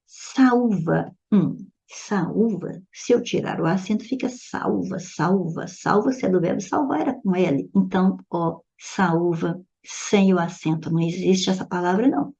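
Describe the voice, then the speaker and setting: Woman grammar teacher, gravelly and mellow, patient explainer checking in with students; slightly lo-fi recording. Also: lowish voice, moderate pace, few pauses. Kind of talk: recorded lesson solving exam questions.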